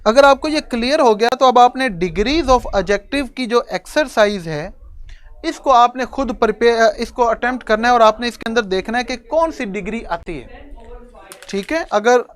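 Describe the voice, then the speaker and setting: This grammar teacher has a very high-pitched, somewhat bright voice and keeps a moderate pace. He walks his class through English grammar step by step, speaking to the students with affection and an occasional chuckle.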